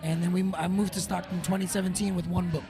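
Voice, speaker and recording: A man with a Brooklyn accent whose hoarse voice is giving out, chatting casually and slangily as an interview guest. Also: high voice, level tone, quick pace, over music. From Brooklyn, New York. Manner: slangy, profane, street-casual. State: losing his voice. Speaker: guest, rapper and children's book author.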